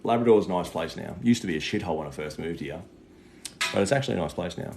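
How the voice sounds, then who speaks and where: Speaking fast in a low, expressive voice, this psychic medium chats casually through live readings on a stream. His talk is friendly, packed with slang and swearing, with background noise audible over an otherwise clear recording.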